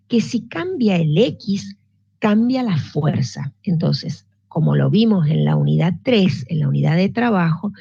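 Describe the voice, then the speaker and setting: A woman's voice: medium pitch, gravelly, mellow, husky, no echo. A woman teaching physics in an online class, explaining patiently and checking in with her students. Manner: patient, explanatory, with frequent restarts and check-ins. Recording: dull lo-fi sound.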